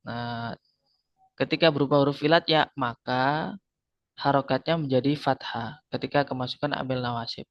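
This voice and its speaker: A man's voice: mid-range voice, dry recording. A man teaching an Arabic grammar class, explaining patiently, repeating terms and quizzing his students. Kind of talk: online grammar lesson. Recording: dull lo-fi sound.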